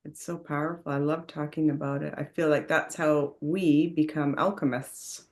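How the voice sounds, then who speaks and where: A person in an interviewer's role, speaking in soft, conversational and affirming responses. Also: medium pitch, steady tone, moderate pace. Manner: affirming, agreeable. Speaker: interviewer listening to a channeler.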